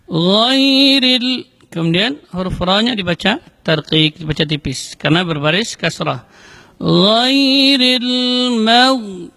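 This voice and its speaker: A man teaching correct Quran recitation, explaining letter sounds slowly and carefully between chanted verses. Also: sits high, creaky, sharp tone, no room sound. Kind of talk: tajwid lesson with recited examples.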